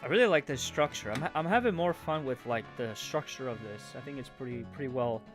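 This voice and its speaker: A man's voice: medium pitch, fairly quick. A man with a Canadian accent chatting casually on a stream while building a Lego set, rambling with fillers and trailing off as he tries to recall things. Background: faint game music.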